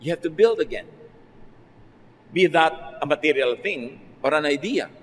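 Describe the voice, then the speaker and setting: Unhurried, a man with a Filipino accent preaches on the radio in a conversational style, mixing Filipino with English. His pitch rises suddenly and lively at times, and the recording shows faint noise plus long reverb.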